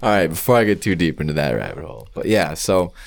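Man, lower-pitched, jokey, podcast co-host, casual conversation. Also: sing-song, quick pace, gravelly. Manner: jokey, laughs often. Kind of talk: casual chat.

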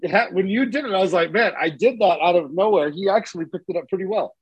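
A man co-hosting a podcast, talking in a relaxed conversational storytelling register. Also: high voice, quick pace, husky, muffled recording. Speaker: podcast co-host. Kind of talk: casual chat and dramatic story reading.

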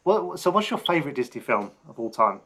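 A man's voice: medium pitch, big pitch swings, brisk, a crowd in the background. A man hosting a casual interview, easygoing, often chuckling, with many fillers and restarts. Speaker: interview host.

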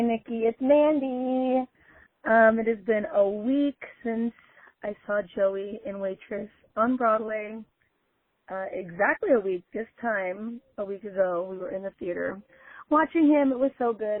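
A woman's voice: fairly high pitch, unhurried, no echo. Woman leaving a chatty voicemail on a tinny phone line. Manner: chatty and excited, with frequent ums. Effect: leaving a voicemail over the phone. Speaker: listener calling in. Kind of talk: casual spoken voicemail.

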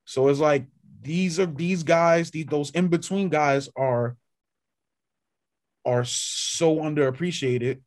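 A man's voice: a little high, takes it slowly. A man co-hosting a podcast in casual chat, rambling with many restarts and perking up when he lists names. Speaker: podcast co-host.

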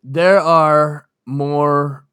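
A man's voice: on the high side, steady tone, drawn-out words, fairly bright tone, smooth, no room sound, studio quality. A man co-hosting a podcast in casual, crude banter full of swearing. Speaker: podcast co-host.

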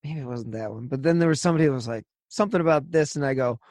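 A man's voice: mid-range voice, very fast, a little mellow, no echo. A man hosting a podcast who talks bluntly and swears freely in casual chat. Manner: blunt, profane, heated venting. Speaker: podcast host.

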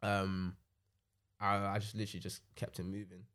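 A man's voice: low voice, completely flat delivery, moderate pace, fairly bright tone. A young man with a London roadman accent, chatting casually and telling anecdotes in heavy slang, tagging sentences with "innit". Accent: London-style urban British, roadman slang. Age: young adult.

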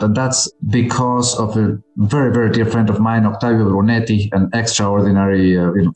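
A man in his forties from Argentina, a musician guest telling his story thoughtfully, with frequent pauses and fillers. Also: fairly low pitch, darkish tone, reverberant, low-quality recording. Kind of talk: interview conversation.

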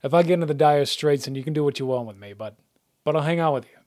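A man playing a gruff male detective cleaning-robot AI in a tabletop game, halting and searching for words as he speaks. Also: a little high, a little mellow, lightly acted. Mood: laid-back. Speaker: game master. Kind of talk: narrating a tabletop game in character.

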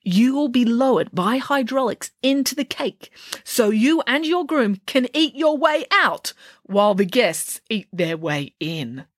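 A woman's voice: on the high side, big pitch swings, unhurried, no room sound, clean studio sound, voice pushed up. A woman voicing a bossy, shrewd, cake-loving nanny who talks in a grand, boastful way.

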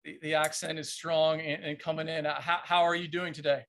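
An American man hosting a casual interview, speaking haltingly and enthusiastically with surfer slang. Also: fairly high pitch, flat delivery, fairly bright tone. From United States. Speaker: show host.

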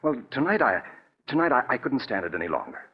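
An actor with an American accent playing an anxious, scheming murderer in a 1940s radio drama, hesitant and melodramatic. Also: male voice, mid-range voice, very animated, fast talker, breathy edge. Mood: grave, shaken. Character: anxious, scheming male murderer posing as grieving brother. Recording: muffled old radio recording.

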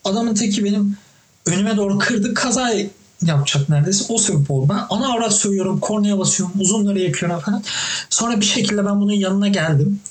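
A young man in casual conversation, telling animated stories and cursing casually as he hosts. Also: high voice, quick pace, reverberant, poor audio. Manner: animated storytelling, swears casually. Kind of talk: casual chat.

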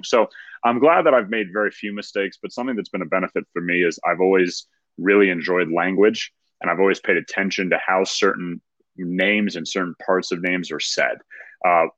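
A man's voice: low-pitched, a bit bright, no echo. A man speaking as an interview guest, confidently explaining his craft in casual talk, on slightly muffled audio. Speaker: interview guest, ring announcer.

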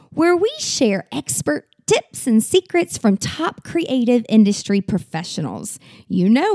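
A woman hosts a podcast in an upbeat, bubbly way. Her pitch moves a lot and carries a gravelly fry. The recording is close and dry. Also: a little mellow, no room sound. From US South. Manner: upbeat, bubbly, laughs often. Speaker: podcast host. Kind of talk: casual interview chat.

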